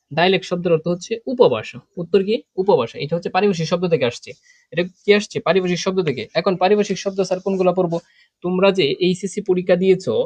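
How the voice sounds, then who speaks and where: A man's voice: high-pitched, a little mellow, no echo. A young man with a Bangladeshi Bengali accent teaching an online exam-prep lesson, quizzing students and repeating his own answers.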